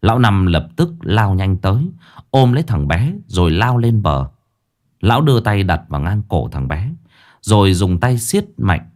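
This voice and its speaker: Man, low pitch, very animated intonation, ghost-story narration. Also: moderate pace. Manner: expressive, dramatic reading.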